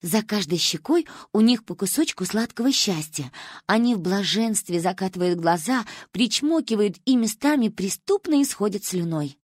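Woman, audiobook narrator, lively swooping voice, fairly high, dry close sound. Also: moderate pace, slightly rough, no echo. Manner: animated, playful storytelling.

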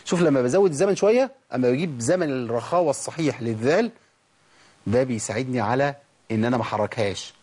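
A man with an Egyptian Arabic accent teaching a tajweed lesson, who asks questions, answers them himself, and drags out letter sounds slowly to demonstrate them. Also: mid-range voice, animated, darkish tone, breathy edge. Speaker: Quran recitation teacher.

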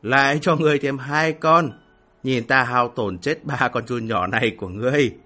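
A man putting on a slow, gloating old fire master. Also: medium pitch, bright, forceful tone. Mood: gleeful. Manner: slow, drawn-out mocking laughter. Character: boastful old male fire cultivator, playful, taunting. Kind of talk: audiobook character voicing.

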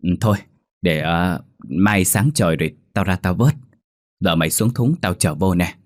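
A man voicing a gruff, blunt older fisherman in a spoken horror story. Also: low voice, normal speed, no echo, studio quality, close to an everyday voice. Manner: gruff, teasing.

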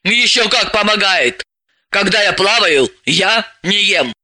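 A man's voice: sits high, lively intonation, slow pace, bright, forceful tone, no room sound, heavily acted. A man reading an audiobook, voicing a bossy, sardonic woman psychoanalyst who gives orders and mocks.

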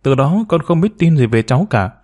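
Male reader doing a meek, hesitant woman around forty, pleading and deferential, mellow voice. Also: fairly high pitch, sing-song, brisk. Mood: humble. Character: timid humble woman about forty, former bar girl.

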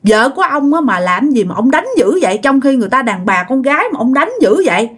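A woman's voice: sits high, lively intonation, fast, breathy edge. A woman voicing a tipsy young neighbor who scolds a violent husband indignantly. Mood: scolding. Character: young neighbor man, drunk a little, angry defender.

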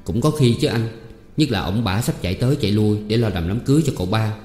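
A man with a Southern Vietnamese accent voicing a sharp-tongued young female servant, coaxing one moment and tart the next, in a storybook reading. The reading sounds like it was made in an echoey hall with faint music behind it. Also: on the low side, animated, fast talker, natural voice. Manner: coaxing, then tart and firm.

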